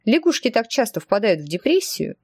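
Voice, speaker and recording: A woman's voice: fairly high pitch, sing-song, a little fast, slightly rough, dry recording, clean studio sound, pitched above the performer's own voice, full character voice. A woman voicing a fussy chatty witch. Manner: talkative, gently evasive. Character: fussy, chatty middle-aged witch teacher. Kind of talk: audiobook character voice.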